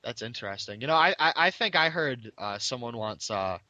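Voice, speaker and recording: A man's voice: medium pitch, lively intonation, brisk, pushed and bright, no room sound. A man hosting a casual gaming podcast, chatting loosely with upbeat restarts. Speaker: podcast host. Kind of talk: casual chat.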